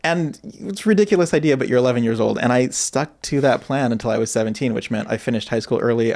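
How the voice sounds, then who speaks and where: A man in his thirties, a guest artist in a casual interview, telling his life story in a reflective, animated way. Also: fairly low pitch, gravelly. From grew up in Asia and Michigan.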